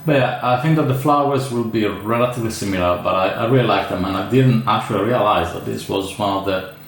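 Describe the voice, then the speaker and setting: An Italian man with a lowish voice speaks quickly as he chats casually through an orchid unboxing, hesitating often with lots of fillers and restarts. He's an orchid grower from Italy. The room is echoey, with faint background noise.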